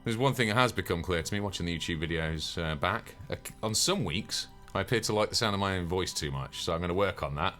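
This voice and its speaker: A man with a very deep voice runs a tabletop game on stream, talking casually and poking fun at himself. His pitch swings lively up and down. Soft music plays faintly under him. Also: fast talker, hardly any pauses. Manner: chatty, self-deprecating, laughs often. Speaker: game master.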